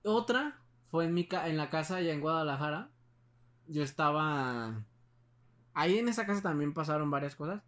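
Chatty young Mexican guy, slightly high. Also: lively intonation, normal speed, fairly bright tone. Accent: Mexican Spanish. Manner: rambling, full of slang and restarts. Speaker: storyteller. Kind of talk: casual chat, telling a ghost story.

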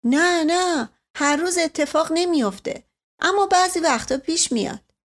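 A woman reading the part of a kindly, mysterious man in his fifties in a storybook, who talks calmly and reassuringly. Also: extremely high pitch, pitched above the performer's own voice. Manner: calm, gently reassuring.

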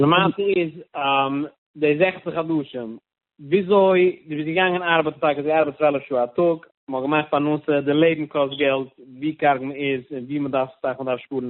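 A man's voice: fairly high pitch, no echo. Questioning male host on a phone line. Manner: asks short questions and repeats words as he starts. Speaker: interviewer. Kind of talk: casual interview chat.

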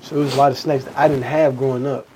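A man's voice: medium pitch, quick pace, slight background noise. A young man hosting a podcast, chatting casually and acting out old conversations as he tells stories. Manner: animated storytelling, acting out past conversations. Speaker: podcast host. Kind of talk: casual chat.

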